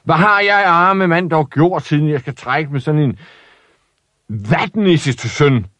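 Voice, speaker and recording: A man voicing a loud, impatient father who shouts and rattles off his words fast. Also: fairly high pitch, no room sound, voice pushed up, lightly acted. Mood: blustering.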